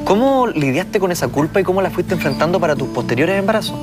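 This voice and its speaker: A man's voice: sits high, lively intonation, fast, over music. A man in his thirties working as a TV interviewer, putting careful questions to a guest. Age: 30s. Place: TV studio, seated in an armchair.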